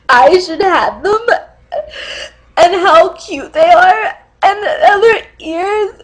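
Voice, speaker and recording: A young woman playing a nervous, cat-obsessed dater in a comedy dating-video sketch, halting through ums and breaking into tearful sobs. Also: on the high side, husky, heavily acted, poor audio.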